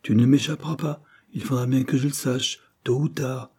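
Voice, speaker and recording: Ailing young invalid, jealous and agitated, read by a man with a husky, mellow voice. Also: mid-range voice, steady tone, normal speed, voice pushed up. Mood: insistent.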